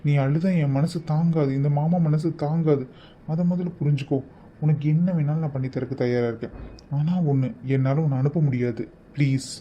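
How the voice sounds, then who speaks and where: A man's voice: a little high, steady tone, a little fast, dull audio, slight background noise, natural voice. A man voicing an obsessive, lovesick young man in a cartoon, talking in an insistent, pleading way. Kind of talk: cartoon voice acting.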